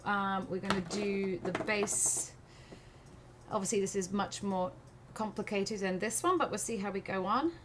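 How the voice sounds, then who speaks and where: This English art livestream host, her accent a blend of English and American, thinks out loud casually during a live tutorial. Her mid-range voice is fairly bright and a little slow, and background noise is noticeable.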